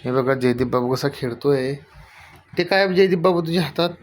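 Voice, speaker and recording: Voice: medium pitch, a little fast, slight background noise. An adult family vlogger filming at home, coaxing a small child with patient, repeated questions and talking to viewers. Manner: addresses viewers directly. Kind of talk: casual home video chat.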